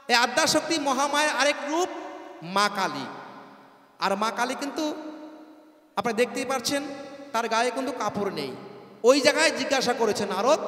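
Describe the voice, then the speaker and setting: Hoarse high-voiced man on an echoey stage. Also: sharp tone. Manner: chatty, joking, often appeals to the audience. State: hoarse from nights of singing. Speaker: folk stage performer in a sung debate. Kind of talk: stage patter to an audience over a PA. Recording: echoey PA sound with long reverb and faint music.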